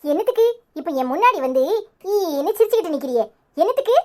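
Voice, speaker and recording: A woman's voice: very high voice, sing-song, fast, a little mellow. Woman voicing an upset young cartoon wife. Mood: hurt. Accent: Tirunelveli Tamil. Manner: complaining, hurt, grumbling. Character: upset young wife, a new mother, tearful.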